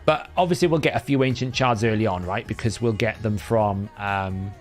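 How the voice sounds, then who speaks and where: A fairly low-pitched man speaking at normal speed hosts a live game stream from Wales, faint music audible behind him. Welsh is his first language, and his relaxed commentary is thought aloud with frequent corrections.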